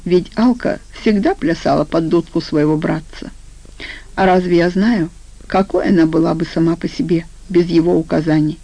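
A woman's voice: fairly low pitch, moderate pace, vocal fry, warm tone, rough recording. A woman voicing a hardened middle-aged man who talks in blunt, sardonic banter. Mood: mocking.

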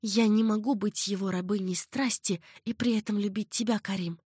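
A woman's voice: medium pitch, steady tone, normal speed, a little mellow, breathy edge, no room sound, studio quality, close to an everyday voice. A woman voicing a timid but proud young slave girl in a romance, speaking in an anxious, pleading way. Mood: cold.

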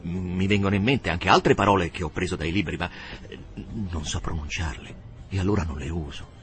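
A man reading aloud who voices an earnest young working-class man, humble and hesitant, halting over his words. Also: low voice, a little hiss or hum, lightly acted.

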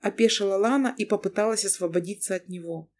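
Brief: woman narrator, middle-pitched voice, measured dramatic audiobook reading. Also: darkish tone.

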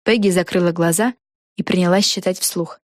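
A woman narrating a children's book in an even storytelling manner. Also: fairly low pitch, normal speed, dry recording, studio quality. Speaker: audiobook narrator.

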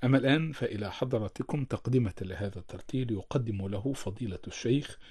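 A male radio announcer makes a formal on-air announcement in a brisk presenting tone. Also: mid-range voice, a little mellow, husky. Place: radio studio.

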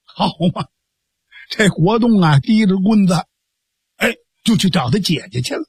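Lively high-voiced storyteller man. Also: moderate pace, slightly rough, no echo, clean studio sound. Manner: lively, expressive, leaping pitch. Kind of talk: traditional storytelling narration.

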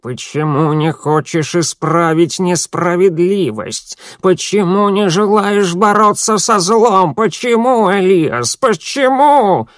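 A man in an audiobook voicing a sinister old woman with a creaky, hoarse voice, speaking slowly and insistently. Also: high-pitched, no echo, clean studio sound, pitched above the performer's own voice. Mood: pleading. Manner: slow, pleading, insistent questioning. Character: sinister croaking old woman, undead messenger. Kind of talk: audiobook narration.

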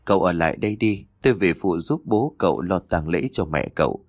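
A man's voice: sits low, expressive, fairly quick, dry recording, clean studio sound. A man voicing an elderly male village exorcist in a horror audiobook, speaking sternly and with authority. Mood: grave.

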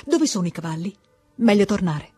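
Female reader voicing a young wife from a classic novel: torn, scared, pleading, husky and dry. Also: mid-range voice, lively intonation, brisk, mellow, no echo, soft background music. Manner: pleading, rising urgency. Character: young married woman, torn and frightened.

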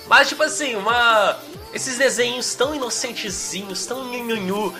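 A Brazilian man co-hosting a podcast, chatting casually in an animated, rambling way. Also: very high-pitched, normal speed, music in the background. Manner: animated, rambling, fillers of "cara". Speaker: podcast host. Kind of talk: casual chat.

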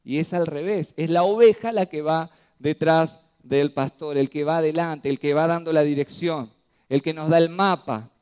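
Rioplatense male pastor, smooth resonant voice, slightly high, sermon to a congregation. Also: moderate pace, a little mellow. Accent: Rioplatense Spanish. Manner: asks the congregation frequent rhetorical questions, checks with "¿sí?". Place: church.

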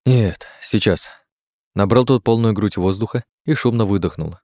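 A man narrating an audiobook in a steady reading voice, raising his pitch for the characters' lines. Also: a little fast, no room sound, studio quality. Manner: reads steadily, shifts pitch for dialogue.

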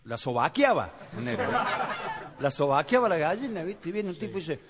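Animated Argentine comedian over a crowd. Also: male voice, fairly high pitch, moderate pace. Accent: Argentine Spanish. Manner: animated, acts out characters in funny voices, laughs at own jokes. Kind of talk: stand-up joke telling. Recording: audience noise behind the voice.

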